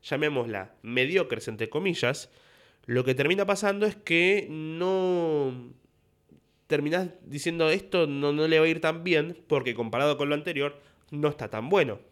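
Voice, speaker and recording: A man's voice: on the high side, normal speed, a bit bright. A young man with a Rioplatense Argentine accent talks in a loose podcast monologue. He is a stand-up comedian who recounts stories from his shows and slips into voices for the people he met. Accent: Rioplatense Spanish. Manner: storytelling with acted-out dialogue.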